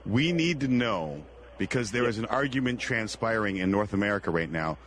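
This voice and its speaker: A man's voice: on the low side, lively intonation, normal speed, background noise. A man co-hosting a sports talk show, teasing and arguing playfully with his partner. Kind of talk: casual sports radio banter.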